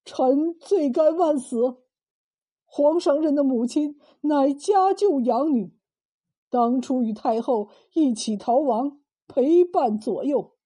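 A woman's voice: high-pitched, slow, mellow. A woman voicing a frightened male court official who grovels and pleads before the emperor. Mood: trembling. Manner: trembling, pleading.

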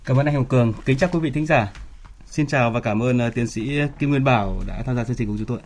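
A man's voice: mid-range voice, fast talker, a little mellow. A man hosting a radio talk show and interviewing guests, speaking through a face mask. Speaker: radio host.

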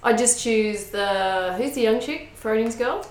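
A woman's voice: fairly high pitch, a little slow. A woman co-hosting a casual chat, joking and blunt as she banters. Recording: echoey room, faint background noise.

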